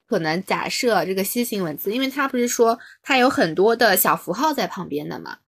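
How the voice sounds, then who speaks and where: A woman's voice: mid-range voice, expressive, brisk. Woman, casual podcast chat, hesitant, thinks aloud. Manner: thinking aloud, hesitant, many fillers and restarts. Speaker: podcast co-host. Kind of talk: casual book-club chat.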